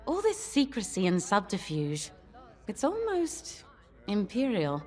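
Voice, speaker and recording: A woman playing a shrewd, pragmatic starfighter pilot in a video game, speaking in a composed, articulate and deliberate way. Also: medium pitch, natural voice. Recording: long reverberant room sound.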